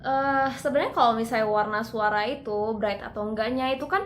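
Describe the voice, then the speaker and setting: A high-voiced woman coaches singing in a relaxed, talkative way and demonstrates each point with sung operatic lines. The room around her is echoey. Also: a little fast, slight background noise. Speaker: singing teacher. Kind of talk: casual singing lesson.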